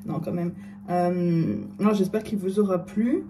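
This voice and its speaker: A woman's voice: on the low side, a little slow, music in the background. A middle-aged woman chatting casually in her vlog, self-mocking and hesitant, often trailing off with fillers. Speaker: vlogger.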